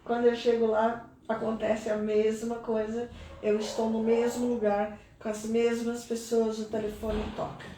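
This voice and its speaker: A woman's voice: completely flat delivery, unhurried, mellow, a little hiss or hum. A middle-aged Brazilian woman speaking as a mother, giving an earnest, prayerful testimony. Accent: Brazilian Portuguese. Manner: earnest, prayerful, pitch rising when moved. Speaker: mother of a cancer patient, guest. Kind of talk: emotional personal testimony. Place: live stream room. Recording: roomy, distant mic.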